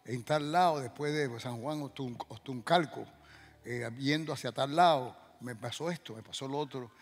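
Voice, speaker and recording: An older man from Cuba, a pastor telling a story in a sermon, animated and acting out dialogue and sound effects. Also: medium pitch, normal speed, long reverb tail.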